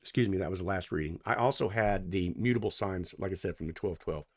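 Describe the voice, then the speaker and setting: Guy doing a tarot reading on camera, chatty and goofy, kinda low voice, gets loud then quiet. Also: fast talker. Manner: chatty, playful, rambling, swings between loud and soft. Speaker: tarot reader.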